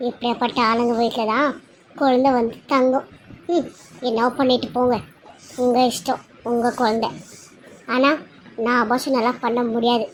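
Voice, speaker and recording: A woman's voice: high-pitched, a little mellow, a little hiss or hum, natural voice. A woman voicing a stern, principled female doctor in a cartoon serial, lecturing her patients firmly. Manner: firm, lecturing.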